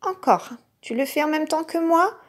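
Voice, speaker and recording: A woman teacher giving a recorded lesson to young children, speaking patiently and sounding out each syllable clearly. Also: sits high, animated, normal speed. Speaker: kindergarten teacher.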